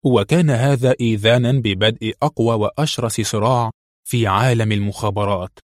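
A man's voice: lowish voice, brisk, no room sound. Man narrating a spy novel, super dry close mic. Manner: expressive, acts each voice. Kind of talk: dramatic audiobook narration.

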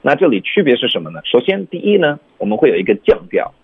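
A man teaching English pronunciation on a radio show, stretching words out slowly to demonstrate sounds. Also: mid-range voice, very animated, husky, dry recording. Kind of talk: radio lesson chat. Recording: tinny phone-like radio sound.

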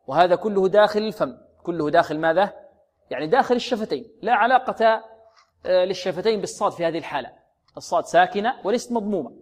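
A man with a high voice teaches the rules of Quran recitation. He keeps asking a question and then answering it himself. He slows right down to stretch out each sound he demonstrates. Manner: asks and answers his own questions, slow drawn-out demonstrations. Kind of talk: tajweed lesson.

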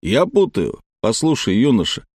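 A man's voice: mid-range voice, wildly swooping pitch, moderate pace, darkish tone, husky, no room sound, clean studio sound, exaggerated voice. A man reading the part of a stubborn, short-tempered middle-aged father in an audiobook. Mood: angry. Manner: growling, angry.

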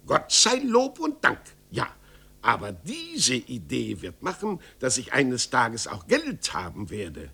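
A man voicing a hot-tempered old male puppet maker who bursts out in shrill, quarrelsome shouts, as a radio story reading. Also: wildly swooping pitch, slow pace, creaky, breathy edge, exaggerated voice. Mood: scheming.

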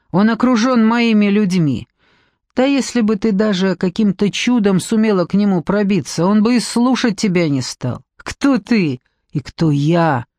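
A woman's voice: medium pitch, a little mellow, no room sound, lightly acted. A cowardly, violent boss snarls his threats, played by a woman reading an audiobook. The voice sits mid-range and sounds dry and close. He comes across as menacing and scornful.

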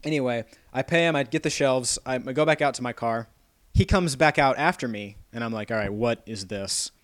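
A man's voice: mid-range voice, brisk, a bit bright. A man in casual comedic chat, telling a long rambling story and laughing often.

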